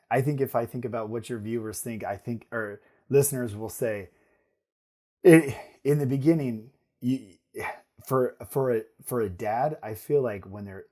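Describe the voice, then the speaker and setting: A middle-aged man talks through family stories on a podcast, with a mellow, warm tone. His delivery is lively and full of restarts, as if he is thinking aloud while he tells them. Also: medium pitch. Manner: animated storytelling with restarts and laughs. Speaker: guest, surgeon and father. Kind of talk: casual podcast conversation.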